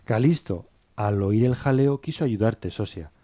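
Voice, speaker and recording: A man's voice: lowish voice, unhurried, mellow, natural voice. A man playing an earnest, sympathetic male servant recounting events. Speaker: podcast storyteller. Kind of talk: scripted two-hander narration.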